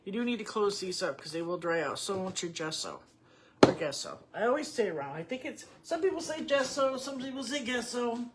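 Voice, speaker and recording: A woman's voice: medium pitch, expressive, fast talker, few pauses, background noise. A woman giving a casual painting tutorial, talking in a rambling, folksy way with lots of asides. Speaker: painting teacher.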